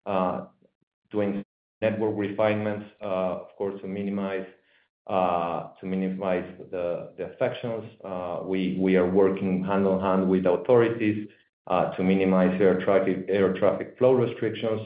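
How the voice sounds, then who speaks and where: A man presenting company results over a conference call line that keeps cutting out, talking in a halting way and often repeating his words. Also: low-pitched, level tone. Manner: halting, stumbling delivery with many repeated words. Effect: heard over a conference call line that keeps cutting out. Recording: echoey, tinny phone-like call line.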